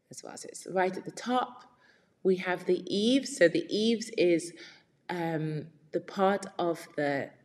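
A woman reads a children's story aloud and stops to explain new words patiently, step by step. Her voice is fairly low for a woman. A long reverb hangs after her words. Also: darkish tone. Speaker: English teacher.

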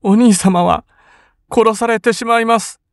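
Young samurai sister; high, tearful, pleading; storybook reading. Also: male voice, fairly even intonation, unhurried, no room sound. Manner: high, sobbing, begging.

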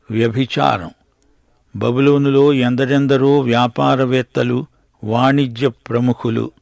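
An older man preaching a radio sermon in a slow, deliberate, rhythmic way, listing items one by one. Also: medium pitch, creaky, darkish tone, dry recording. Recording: dry studio radio recording.

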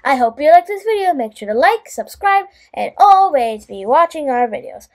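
With a voice that sits high, a woman reads a bedtime story to children in an expressive, deliberate manner, hosting for her young listeners.

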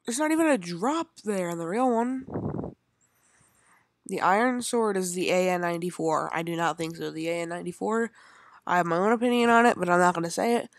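Playing a video game, a young gaming host keeps up chatty, rambling commentary to herself and her viewers in a lowish voice. The recording is dry.

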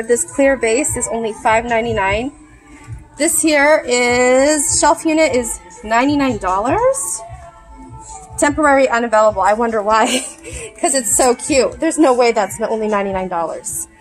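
A woman's voice: a little high, low-quality recording. A middle-aged woman walking through a large furniture store with a handheld camera, gushing to her viewers about what she sees. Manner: gushing, enthusiastic, addresses viewers directly. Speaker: vlogger. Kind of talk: casual shopping vlog narration. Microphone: handheld camera or phone, walking.

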